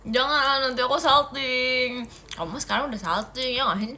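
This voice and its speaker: Brief: playful young woman from Indonesia, idol livestream host, bright and crisp, a touch high-voiced. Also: normal speed. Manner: playful and teasing, giggly. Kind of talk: casual livestream chat answering viewer comments.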